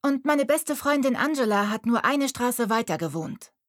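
Woman doing a bossy, high-pitched rich girl. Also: expressive, normal speed, no room sound, clean studio sound. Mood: haughty. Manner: bossy, imperious, shrill when calling. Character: haughty rich young city girl. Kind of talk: audiobook character voice.

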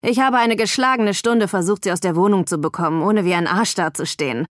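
A brash young man, read by a woman, gruff and condescending in an audiobook. His lines sit at a middling pitch and come across dry and close, with no room sound around them. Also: fairly quick, no room sound, close to an everyday voice. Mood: offhand. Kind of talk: audiobook character voice.

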